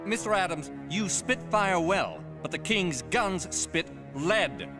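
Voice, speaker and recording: Cartoon colonial delegate: pompous senatorial debater, stern, high for a man, music behind. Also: lively intonation, takes it slowly. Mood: stern, impassioned. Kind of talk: animated history cartoon acting.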